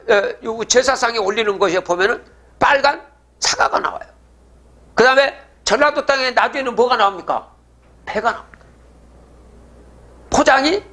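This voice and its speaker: A man lecturing on prophecy in a high, animated voice with a bright, forceful edge. He asks rhetorical questions and then answers them himself, often checking in with his listeners. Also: slightly rough. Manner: checks in with the audience with "예?".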